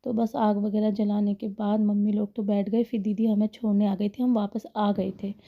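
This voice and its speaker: A woman's voice: medium pitch, flat delivery, normal speed, phone-quality sound. A woman in her thirties narrating a casual family vlog voice-over, chatty and often laughing as she talks to her viewers. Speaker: vlogger.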